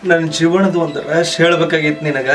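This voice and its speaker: A man's voice: fairly high pitch, fairly even intonation, natural voice. A man playing a dying old rich landlord who pleads and coughs, speaking in a North Karnataka accent. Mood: solemn. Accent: North Karnataka Kannada. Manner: pleading, drawn-out speech with coughs. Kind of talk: village comedy skit. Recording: distant mic, loud music underneath.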